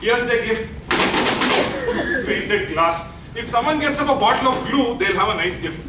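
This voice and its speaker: An actor playing a grumbling, aggrieved husband in a stage farce, complaining indignantly while nursing an injury. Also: male voice, very high-pitched, lively intonation, a little slow. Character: grumbling, aggrieved husband with whiplash after car crash. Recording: echoey, noisy hall from far off.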